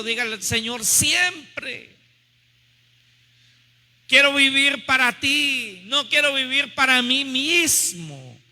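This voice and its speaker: A man preaching a sermon as pastor, leading the congregation in a fervent prayer with slow, drawn-out phrases. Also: very high voice, sharp tone. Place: church hall. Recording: long hall reverb.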